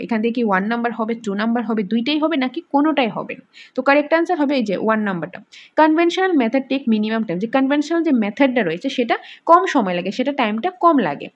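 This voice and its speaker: A high-pitched woman with a Bengali accent leads an exam-prep class, reading each multiple-choice question out slowly before explaining it with rhetorical questions. The recording is dull and lo-fi. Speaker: teacher. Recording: dull lo-fi sound.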